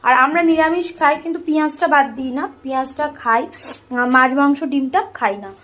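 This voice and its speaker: A woman's voice: high voice, brisk, fairly bright tone. A young woman chatting to viewers as she films her home and rooftop on a phone, out of breath from the heat. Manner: chatty, addresses viewers directly. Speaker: family vlogger. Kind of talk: casual home vlog narration. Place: house and sunny rooftop, indoors and out.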